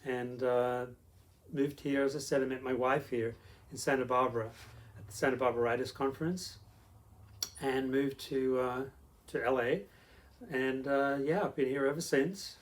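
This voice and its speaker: A man's voice: mid-range voice, fairly even intonation, normal speed. A middle-aged man with an Australian accent, an interview guest telling his story in a rambling way with many fillers. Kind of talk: casual conversational storytelling.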